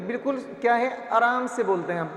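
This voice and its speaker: High pitched guy teaching quran reading, sounds out syllables over and over, stretches vowels, echoey room. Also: a bit bright, dull audio. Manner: drills syllables, asks and answers his own questions; stretches long vowels slowly. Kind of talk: patient step-by-step phonics lesson.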